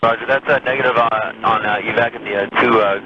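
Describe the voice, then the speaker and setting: A man making halting military radio calls full of uhs, heard over a walkie-talkie. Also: fairly low pitch, fairly even intonation. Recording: muffled radio with loud static.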